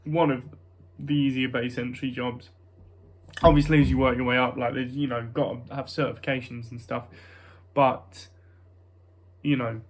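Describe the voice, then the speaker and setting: A man's voice: mid-range voice, steady tone, moderate pace. Nasal, rambling young British man. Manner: hesitant, self-conscious, often breaking off mid-thought. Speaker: vlogger. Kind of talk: casual rambling personal vlog.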